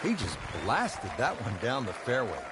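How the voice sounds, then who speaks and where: A man's voice: mid-range voice, big pitch swings, a little slow, heavy background noise. A man playing an easygoing, observant golf commentator in a video game, calling play like a television broadcast. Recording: game audio with crowd and music behind.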